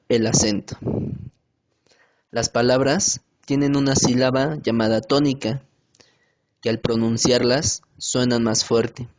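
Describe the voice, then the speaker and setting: Slow, careful man reading a lesson. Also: mid-range voice, darkish tone. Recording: dull lo-fi home recording.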